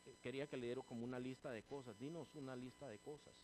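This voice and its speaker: A man leads a church sermon in a mid-range voice, speaking to his congregation as brothers. He swells louder and more animated through his stories and settles into earnest prayer. A faint hum sits under the recording. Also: medium pitch, fast talker, rough recording. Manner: addresses listeners as hermanos, grows loud and animated in stories. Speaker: pastor.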